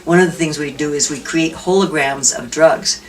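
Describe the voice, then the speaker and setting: A woman's voice: low voice, normal speed. A cheerful older woman telling family stories and jokes at a reunion, laughing often. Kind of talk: casual storytelling with jokes. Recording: distant mic with faint background noise.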